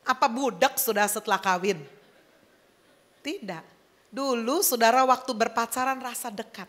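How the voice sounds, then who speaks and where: A middle-aged woman pastor preaching with lively energy. Her voice is bright and a little high, and she drops English phrases into the flow of her sermon. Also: moderate pace. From Indonesia.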